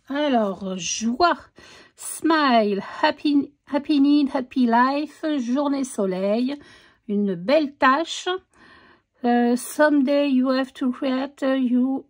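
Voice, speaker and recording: A woman's voice: high-pitched, a little mellow. A woman presenting a craft stamp collection in a casual unboxing, hesitant, with many fillers, reading the stamp words out as a list. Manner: reads out stamp texts as a list. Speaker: crafts vlogger.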